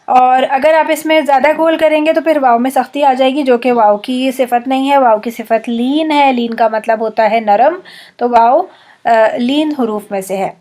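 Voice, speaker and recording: A woman teaching recitation in a slow, careful way, saying each example word twice. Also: sits high, a little mellow. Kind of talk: online lesson.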